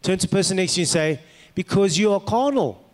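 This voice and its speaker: A man's voice: sits high, expressive, fast. A man with a South African accent preaching as a pastor, conversational, telling personal stories and putting rhetorical questions to his listeners. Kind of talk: sermon with personal anecdotes. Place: large indoor hall, preaching to an audience. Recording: echoey hall with long reverb.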